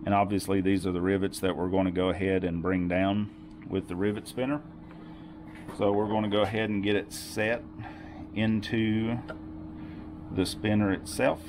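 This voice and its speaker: In a home workshop indoors, a tool demonstrator walks through a tutorial step by step in a deep, slow, patient voice. Recorded close to the bench over steady background noise, he works methodically and goes back over the key points.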